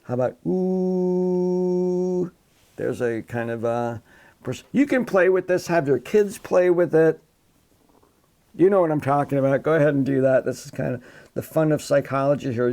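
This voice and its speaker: A male psychology instructor lecturing live over his computer mic. His voice is mellow and dark, with a gravelly edge, and he rambles casually, doubling back on his words as he explains. The delivery is loose and conversational. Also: medium pitch. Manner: casual, rambling with restarts, demonstrates sounds with his voice. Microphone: computer microphone.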